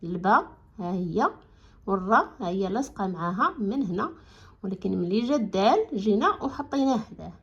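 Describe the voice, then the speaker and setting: A woman with a Moroccan Arabic accent teaches young children to read, sounding out each syllable in a slow, drawn-out way. She drops into quicker, plain explanations between the words. Her voice sits at a middle pitch, and the recording is a little dull and lo-fi. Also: very animated, breathy edge. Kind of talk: reading lesson for children.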